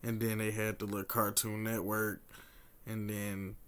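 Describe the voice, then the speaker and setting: A man's voice: lowish voice, level tone, a little slow, a bit bright, clean tone. A man co-hosting a podcast, laid-back and slangy in casual chat, laughing often. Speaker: podcast co-host.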